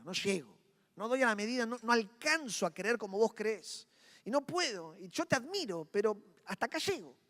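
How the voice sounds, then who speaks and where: Rioplatense pastor preaching in a reverberant hall. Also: male voice, very high-pitched. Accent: Rioplatense Spanish. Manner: dramatic, acts out inner voices and swings between soft and loud. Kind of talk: sermon.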